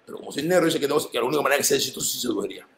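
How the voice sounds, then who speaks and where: Cuban man, rapid animated conversational delivery, emphatic, medium pitch, echoey room. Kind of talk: casual conversation.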